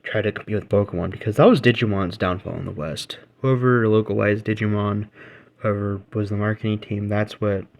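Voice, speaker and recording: A man's voice: on the low side, fairly even intonation, a little fast, gravelly. A man hosting his own gaming reaction channel, ranting his opinions casually with many restarts and self-corrections. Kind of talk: casual opinion rant to camera.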